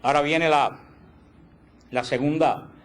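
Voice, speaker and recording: A man giving a religious teaching talk, animated, acting out little quoted voices and repeating points for emphasis. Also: fairly high pitch, measured pace. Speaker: catechism teacher.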